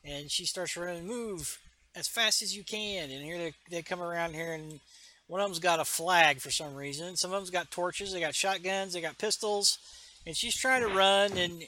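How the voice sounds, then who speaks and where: A man's voice: high-pitched, steady tone, normal speed, bright, forceful tone. A man co-hosting a casual podcast chat, animatedly retelling a comic book scene and acting out its characters. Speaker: podcast co-host.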